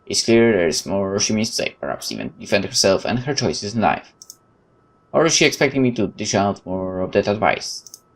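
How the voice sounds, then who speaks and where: Here a man hosts a gaming video at a normal pace, his pitch on the low side. He performs the game's text with feeling and peppers the let's play narration with his own remarks.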